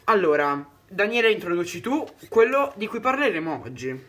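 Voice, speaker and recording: A man's voice: high voice, very animated, moderate pace, pushed and bright. A man co-hosting a podcast, explaining his topic in a methodical way. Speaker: podcast co-host. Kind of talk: podcast discussion.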